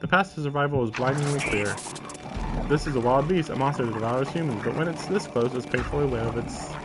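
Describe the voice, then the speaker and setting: A man live-streams a visual novel, reading it aloud with mock drama and breaking off into sarcastic, sometimes profane asides, mixing live commentary with dramatic read-aloud. His voice is medium-pitched and fast, and the audio is very noisy.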